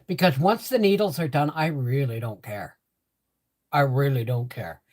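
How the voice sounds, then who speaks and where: An older woman with a bass, slightly mellow voice hosts a casual livestream chat at normal speed. Her mouth is swollen and sore from dental work, so her words come out a little muffled as she rambles conversationally and repeats phrases for emphasis.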